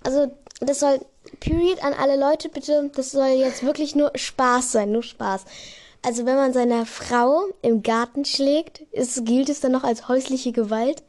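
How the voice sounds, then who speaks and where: A woman's voice: sits high, fairly even intonation, a little slow, darkish tone. A young woman co-hosting a casual chat, telling bad jokes in a hesitant, apologetic, giggly way. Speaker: podcast co-host. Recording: slightly noisy amateur home recording.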